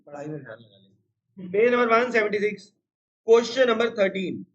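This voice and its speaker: A man's voice: sits high, expressive, normal speed. A man teaching a live accounts class online, repeatedly calling on students to listen, teasing and scolding them as he goes. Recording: slightly dull lo-fi sound.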